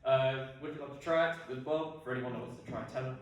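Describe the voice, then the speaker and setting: A man teaching barbershop song parts to an audience, unhurried, singing example notes between his explanations. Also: medium pitch, steady tone, lo-fi sound. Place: hall with an audience. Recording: echoey hall, distant mic.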